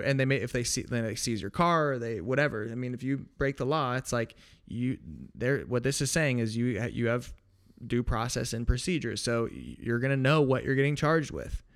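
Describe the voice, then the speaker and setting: A man's voice: medium pitch, clear, resonant tone. A man co-hosting a podcast, explaining legal ideas in a loose, rambling casual chat with restarts and jokey asides. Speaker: podcast co-host.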